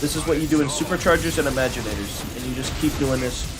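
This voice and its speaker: A young adult man streaming a video game, talking in an excitable, rambling way with many fillers and restarts as he plays. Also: mid-range voice, fast, over music. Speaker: gaming streamer. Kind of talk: live gameplay commentary.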